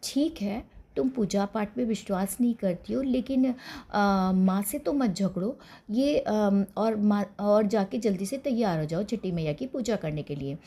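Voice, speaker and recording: A woman voicing a patient young husband who coaxes his wife calmly. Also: medium pitch, measured pace. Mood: coaxing.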